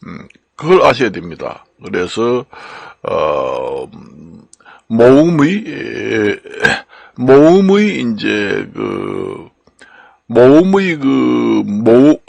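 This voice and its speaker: An older man from Gangwon Province giving an unscripted lecture as a channel host, slow and halting with many fillers and repeated words. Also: medium pitch, wildly swooping pitch, creaky, a little mellow, dry recording. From Gangwon Province, Korea. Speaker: channel host explaining law and Chinese characters.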